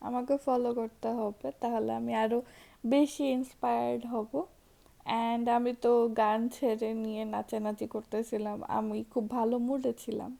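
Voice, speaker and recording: A young woman giving a relaxed voice-over for her vlog, mixing English words into her speech. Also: fairly high pitch, vocal fry. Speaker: vlogger. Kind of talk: casual voice-over narration.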